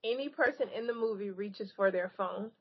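A woman's voice: medium pitch, moderate pace, dull audio, very noisy. A woman guesting on a podcast in casual chat, friendly and brief, laughing often.

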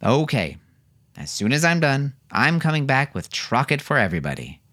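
A man's voice: low-pitched, lively intonation, normal speed. A man reading an audiobook, voicing a patient, weary soldier father who jokes with his family.

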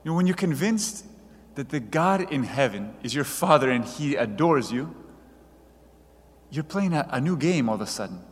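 Earnest preacher in a reverberant hall. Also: male voice, mid-range voice, big pitch swings. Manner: earnest, measured preaching with quoted readings. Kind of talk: sermon.

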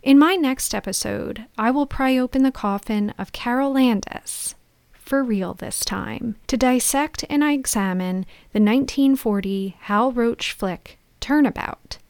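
A woman's voice: fairly high pitch, a little slow, darkish tone, no echo. A woman podcast host giving scripted film commentary in a playful, theatrical storytelling manner.

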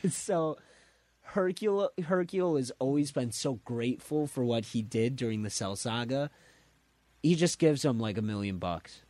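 A man's voice: mid-range voice, lively intonation, moderate pace, a little mellow, dry recording. A man in casual chat who tells stories animatedly and laughs often.

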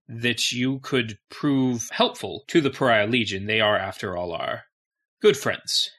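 A man playing a shrewd, courteous lord in a tabletop game, speaking in a measured, diplomatic and formal way. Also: medium pitch, bright, forceful tone, full character voice. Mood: coaxing. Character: shrewd, courteous male lord hiring adventurers.

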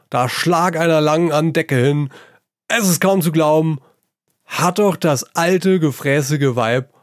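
Gruff sailor-style storyteller, dry sound. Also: male voice, a little high, dry recording. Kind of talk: performed reading of a comic story.

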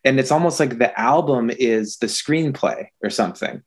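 A middle-aged man in casual chat about music, thoughtful and reflective, often pausing to find his words. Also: mid-range voice, slightly rough.

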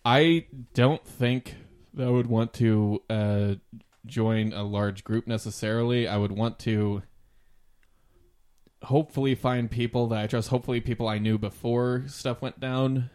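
A man in a casual podcast chat, reading facts aloud in a measured way with some stumbles. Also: mid-range voice, fairly even intonation, darkish tone, smooth. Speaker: podcast co-host.

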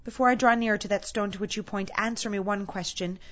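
A woman's voice: mid-range voice, fairly even intonation, quick pace, lo-fi sound, close to an everyday voice. A woman voicing a frightened, repentant old man in a storybook, pleading in fervent exclamations. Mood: earnest pleading.

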